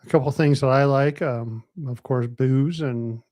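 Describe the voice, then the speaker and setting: A man's voice: mid-range voice, fairly even intonation, measured pace, a little mellow, dry recording. A man hosting a casual podcast chat, asking guests questions in a laid-back way over a video call. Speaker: podcast host.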